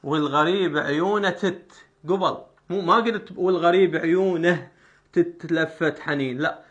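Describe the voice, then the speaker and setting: Iraqi man, young adult, poetry teacher, slow syllable-by-syllable recitation, bright tone. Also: on the high side, muffled recording. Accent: Iraqi Arabic. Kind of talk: spoken lesson on poetic meter.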